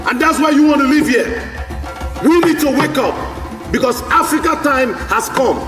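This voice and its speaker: A man with a very high-pitched, expressive voice rallies a live forum audience in a big hall at moderate speed, exhorting them, repeating phrases and shouting out to the crowd. Music plays behind him, and the hall echoes as his voice comes from afar.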